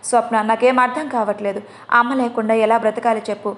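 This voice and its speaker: A woman voicing a gentle young husband who speaks softly and reassures others, in a spoken storybook. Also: fairly high pitch, fairly even intonation, brisk, lightly acted. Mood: grieving. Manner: soft, reassuring.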